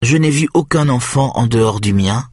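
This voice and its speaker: A man doing a stern, icy woman in a thriller audiobook, higher than his own voice and speaking in short, hard phrases. The sound is husky and close, with a completely dry room. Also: expressive, normal speed, a little mellow, dry recording. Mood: cold. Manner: curt, cold and severe. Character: cold stern woman holding scissors.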